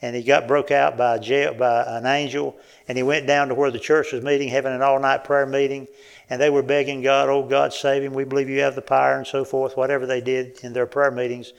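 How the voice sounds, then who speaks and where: A man preaching a sermon in a folksy, animated way, often asking the congregation questions. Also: medium pitch, a little fast, gravelly, clear, resonant tone.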